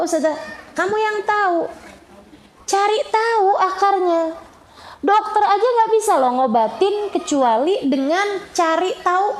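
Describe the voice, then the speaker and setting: A woman preacher, animated and conversational, answering audience questions and acting out the people she quotes. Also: very high voice, a little hiss or hum. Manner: animated, acts out quoted people, often addresses listeners as friends. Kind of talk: informal religious Q&A talk. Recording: roomy echo.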